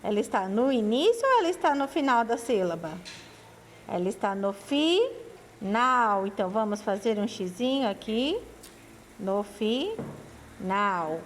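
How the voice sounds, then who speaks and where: A woman's voice: a little high, sing-song, moderate pace, in a large hall, a little hiss or hum. A woman teaching a primary school lesson, patiently sounding out syllables and asking and answering her own questions, calling her pupils her loves. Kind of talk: slow, patient classroom lesson.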